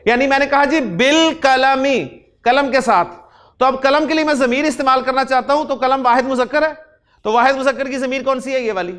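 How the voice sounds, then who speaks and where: A man from Pakistan teaching Arabic grammar in a lecture, explaining step by step, slowing down to spell out Arabic words and answering his own questions. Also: very high-pitched, steady tone, fairly bright tone, clear, resonant tone. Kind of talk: classroom lecture.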